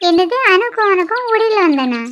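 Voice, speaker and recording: A woman doing sharp-tongued cartoon girls. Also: very high voice, big pitch swings, a little fast, muffled recording, slight background noise, full character voice. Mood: scolding. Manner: sharp-tongued, teasing, scolding. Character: bickering young women in a clothing shop. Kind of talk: cartoon voice acting, one voice for several girls.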